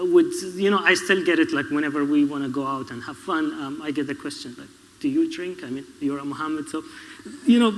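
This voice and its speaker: Syrian man panelist, higher voice, halting delivery, reverberant hall. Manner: halting, many fillers and restarts. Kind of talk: public panel discussion. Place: public event hall.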